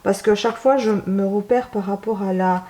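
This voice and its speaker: A woman's voice: mid-range voice, fairly even intonation, normal speed, warm tone, slight background noise. A woman vlogger showing her newly bought books in a casual, hesitant way, with many fillers and restarts. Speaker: book vlogger. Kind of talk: casual book haul talk.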